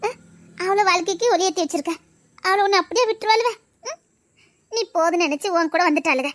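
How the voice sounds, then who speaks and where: A woman's voice: very high-pitched, a little fast, dry recording. A woman acting in a family drama, speaking in an emotional, comforting way. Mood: consoling. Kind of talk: Tamil serial drama acting.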